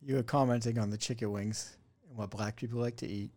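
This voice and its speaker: A man's voice: medium pitch, steady tone, quick pace, a little mellow. A man co-hosting a casual podcast, laughing a lot and reacting bluntly with swearing. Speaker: podcast co-host. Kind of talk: casual chat.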